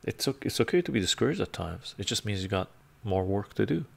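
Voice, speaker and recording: A middle-aged man, Romanian by first language, reads comments and chats on a live stream from his bookshelf-filled home room, using a lapel mic. His pitch is fairly low but swings widely, the pace is quick, and vocal fry runs through it. He rambles and often asks "right?"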